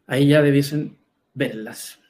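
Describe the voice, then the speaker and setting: A man's voice: mid-range voice, measured pace, dark tone. A Chilean man, a health coach, gives an online talk in a conversational way and often checks in with his audience. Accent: Chilean Spanish. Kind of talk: webinar presentation. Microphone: computer mic on a live video talk.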